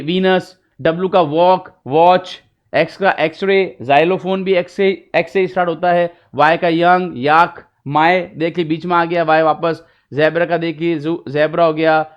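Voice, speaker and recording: Young male English tutor, Hindi accent, high voice, casual explainer. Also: smooth, muffled recording. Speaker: English teacher. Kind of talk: online grammar lesson.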